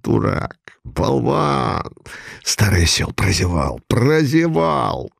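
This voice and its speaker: A man's voice: sits low, measured pace, warm tone, dry recording, clean studio sound. A man voicing a hot-tempered older police detective chief who talks in curt, commanding bursts. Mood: furious.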